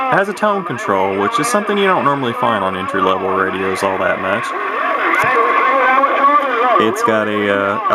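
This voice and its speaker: A hobbyist radio collector talks near his camera, giving a casual, unscripted product demonstration in a rambling, matter-of-fact way. His voice sits on the low side with vocal fry, and the audio is very noisy.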